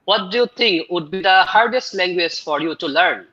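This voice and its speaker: A man hosting live speaking-exam practice as tutor, asking questions in a halting way with many fillers. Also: sits high, animated, bright, forceful tone, dull audio.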